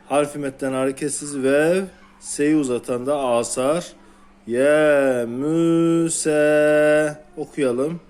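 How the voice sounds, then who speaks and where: In a syllable-by-syllable recitation lesson, a Turkish-accented man guides beginners through Quran reading, drawing out each syllable slowly and repeating it. He has a mid-range, darkish voice and a steady tone.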